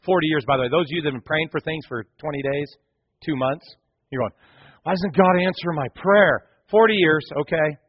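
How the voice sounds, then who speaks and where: A man's voice: on the high side, fast talker, slightly rough, dry recording, muffled recording. A male pastor preaching a sermon, telling the story animatedly and speaking directly to the congregation.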